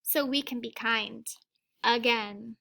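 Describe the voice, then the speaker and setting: Slightly high and creaky, a woman's voice reads a children's story aloud like a teacher. She's expressive and deliberate, with asides for the children listening.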